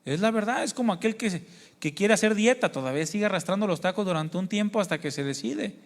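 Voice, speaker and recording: A man preaches earnestly to a congregation, his fairly high voice carrying through a church hall with a long reverb tail. He shares his own testimony and asks the listeners questions, calling them brothers and sisters. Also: expressive, quick pace. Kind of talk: sermon.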